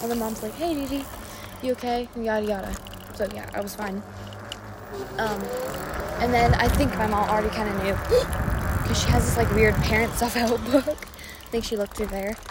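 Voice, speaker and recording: A teenage girl vlogging outdoors in a busy public place, chatting in a rambling, self-interrupting way. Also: a little high. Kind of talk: casual chat. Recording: loud outdoor traffic noise. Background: vehicle and outdoor noise.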